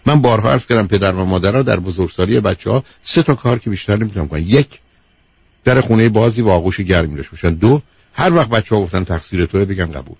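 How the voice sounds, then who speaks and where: A lowish, husky male doctor counsels a caller on a radio advice show, driving his points home with repetition and calling her "dear". The voice is close and dry, with dull, lo-fi broadcast sound. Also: animated, no echo. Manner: emphatic, lecturing, repeats key points, calls the caller "dear".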